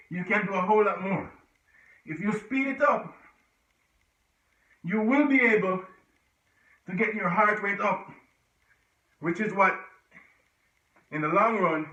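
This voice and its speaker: A man's voice: sits high, pushed and bright. A man leading a home workout, chatty and encouraging, sometimes out of breath and grunting between exercises. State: out of breath at times. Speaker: fitness instructor. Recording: echoey room, far from dull mic.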